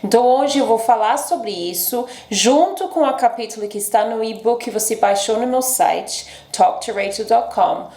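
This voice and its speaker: A woman's voice: fairly high pitch, normal speed, hardly any pauses, dark tone, roomy sound. A woman from London, a native English speaker with an English accent, teaching an online English lesson in Portuguese and checking in with "ok?" as she explains. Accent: English, close to RP, speaking Portuguese as a second language. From England, London. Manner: explains patiently, often checks in with "ok?".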